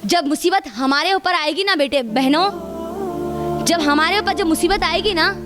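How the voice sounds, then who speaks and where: A woman's voice: very high voice, normal speed. A woman giving a sermon to a women's gathering, quizzing the audience and repeating phrases for emphasis. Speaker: religious lecturer. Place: function hall. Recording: music audible behind speech.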